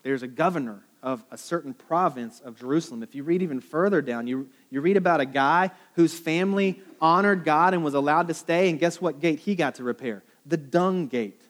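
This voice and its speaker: A man's voice: on the high side, a little fast, hardly any pauses. A man preaching a sermon to a congregation in a casual, joking way, often checking in with "right?". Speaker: pastor.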